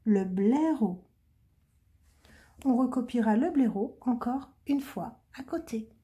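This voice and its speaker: A woman teacher slowly and patiently talking children through handwriting letter by letter, in a clear step-by-step way. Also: fairly high pitch, dark tone. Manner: slow, patient, clearly articulated dictation. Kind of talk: handwriting lesson, step-by-step instruction.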